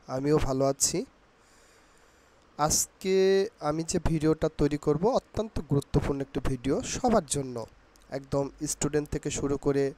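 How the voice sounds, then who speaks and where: Slow, patient Bangladeshi teacher. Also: male voice, on the high side, a little mellow. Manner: slow, repeats each word several times, mixes in English. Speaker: English pronunciation teacher. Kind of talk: casual spoken lesson.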